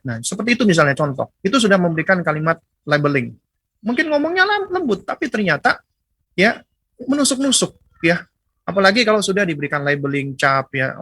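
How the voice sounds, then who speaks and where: A male preacher delivers a measured religious lecture on parenting, tagging his phrases with "ya" and repeating points for emphasis. His voice sits fairly high and sounds bright and forceful. It is recorded dry and close, with no room echo. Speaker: Islamic preacher.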